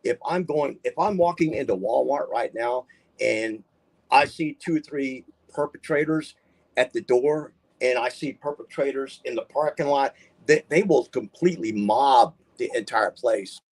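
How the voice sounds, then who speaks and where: A gravelly, husky middle-aged man talks through his story as a guest in a casual interview. He rambles and presses hard on his words, slipping into the voices of the people he quotes. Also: mid-range voice, measured pace, a little mellow. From Texas, US. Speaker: podcast guest.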